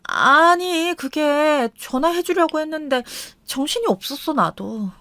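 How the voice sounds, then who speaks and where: A woman's voice: high-pitched, expressive, a little slow, a bit bright, dry recording, studio quality, voice pushed up, exaggerated voice. A woman voicing a petulant, spoiled young wife who talks in a whiny way. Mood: defensive.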